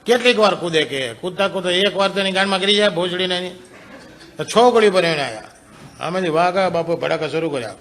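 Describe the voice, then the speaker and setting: A man's voice: high voice, quick pace, a bit bright. A male stand-up comedian telling crude, bawdy jokes. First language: Gujarati.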